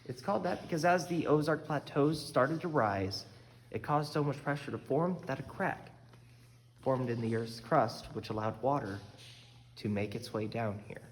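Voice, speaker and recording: Male cave tour guide, informal and explanatory, mid pitch, voice echoing heavily through a noisy cavern. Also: moderate pace. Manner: explains formations step by step, accommodating. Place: inside a cave. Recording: very echoey cave, long reverb, clear background noise.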